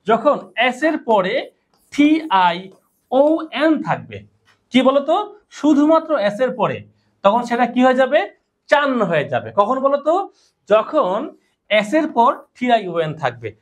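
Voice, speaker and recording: A woman teaching pronunciation in class, drilling her students with repeated questions and call-and-response. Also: a little high. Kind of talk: classroom lesson.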